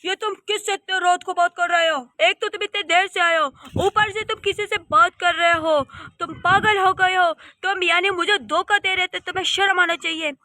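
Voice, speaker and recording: A woman's voice: very high-pitched, fairly even intonation, moderate pace, hardly any pauses, bright, forceful tone, no room sound. A woman voicing a spoiled, haughty young rich wife in a cartoon story, scolding and scornful. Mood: angry.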